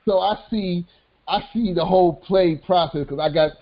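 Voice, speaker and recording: A man's voice: sits high, moderate pace. A middle-aged man co-hosting a podcast in casual chat, laid-back, repeating his phrases and saying yeah a lot. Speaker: podcast co-host. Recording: dull lo-fi sound.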